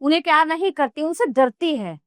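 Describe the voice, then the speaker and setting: A woman's voice: sits high, animated, a little fast, no echo, studio quality, pitched above the performer's own voice. A woman reading as an earnest peace-preaching woman singer.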